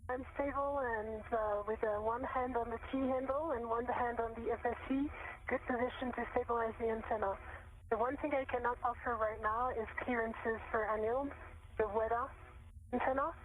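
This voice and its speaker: A woman's voice: fairly high pitch, steady tone, normal speed, phone-quality sound. A woman astronaut giving procedural updates from inside a spacesuit helmet over a radio link. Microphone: spacesuit helmet headset. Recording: radio link with faint noise.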